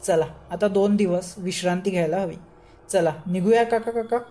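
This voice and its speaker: A proud, bossy demon disguised as a holy man gives orders in a boastful way. A woman reads him aloud in a storybook reading. Her tone stays soft and mellow. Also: mid-range voice, normal speed, lightly acted. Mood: commanding. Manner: boastful, commanding. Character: arrogant impostor holy man, actually a demon.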